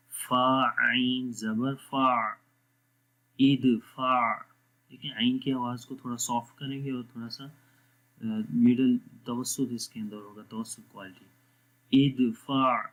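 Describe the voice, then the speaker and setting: A man teaching Quran letter pronunciation, spelling out syllables one by one and stretching the vowels, then explaining the rules in quicker asides. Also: mid-range voice. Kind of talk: slow spelling-out lesson. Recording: dull lo-fi sound.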